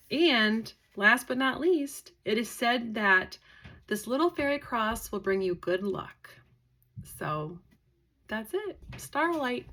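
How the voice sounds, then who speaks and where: A woman's voice: fairly high pitch, fairly bright tone. Tired, chatty woman rambling to camera. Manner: chatty, tangent-prone, heavy on fillers. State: tired, yawning. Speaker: psychic medium and crystal vlogger. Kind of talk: casual rambling talk to camera.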